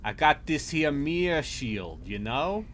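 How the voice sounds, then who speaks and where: A man's voice: a little high, big pitch swings, slow, a bit bright, a little hiss or hum. A man hosting a game stream, chatting casually and joking in an offhand way. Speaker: streamer host. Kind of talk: casual chat while gaming.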